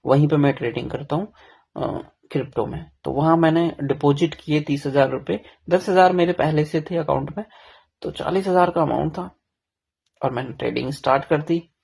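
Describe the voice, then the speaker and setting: Young male vlogger, slightly higher voice, raspy grit, casual confessional delivery. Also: normal speed, a little mellow. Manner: frank, self-deprecating, rambling with restarts. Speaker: vlogger telling his trading story.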